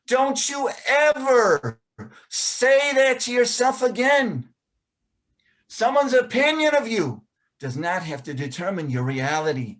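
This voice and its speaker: A man's voice: a little high, animated, normal speed, close to an everyday voice. A man playing a stern but caring male schoolteacher, speaking firmly and emphatically. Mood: earnest.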